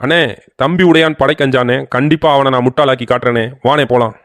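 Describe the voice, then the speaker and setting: A loyal, swaggering younger brother from a cartoon story rushes his lines, puffed up and ready for a fight, as a man acts him out. The voice sits in a mid register and sounds dry and close. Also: mid-range voice, steady tone, a bit bright, no room sound, lightly acted.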